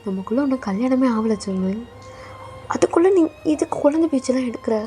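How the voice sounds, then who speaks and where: A cold, curt young man in a fan audio drama, as a woman acts him out. The voice is fairly high, with a dark and mellow tone. Soft music plays behind him. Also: lively intonation, brisk, lightly acted. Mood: irritated. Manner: curt, blunt.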